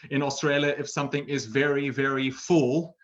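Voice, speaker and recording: A man with a medium-pitched voice and fairly even intonation teaches English at normal speed in a casual webinar. The computer mic cuts off the highs. He's playful and chatty, laughs at himself, and tags sentences with "right?".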